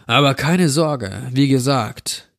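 A man voicing a menacing male intruder who grants children's wishes, speaking slowly with a drawl. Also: medium pitch, vocal fry. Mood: mocking. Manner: slow, drawling, sinister.

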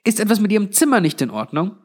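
A man's voice: high-pitched, very animated, quick pace, pitched above the performer's own voice. A man putting on a stern old woman scolding. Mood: stiffly polite. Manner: scolding, hissing. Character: stern old woman motel keeper, snappish.

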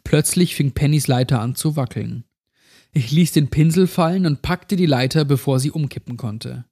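A man's voice: on the high side, normal speed, mellow, husky. Somber male horror story narrator.

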